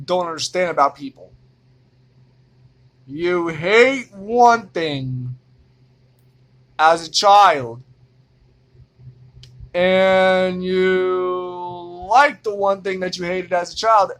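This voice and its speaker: Guy from indiana venting to the camera, cussing a lot, kinda high voice, drags his words out slow. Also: fairly bright tone. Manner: profane, exasperated, repetitive. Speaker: vlogger. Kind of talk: ranting monologue to camera.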